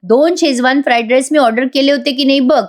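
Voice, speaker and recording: A woman's voice: high voice, fairly even intonation, fast talker, pitched above the performer's own voice, close to an everyday voice. A woman voicing a scheming young wife who talks defensively and slyly. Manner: defensive, sly.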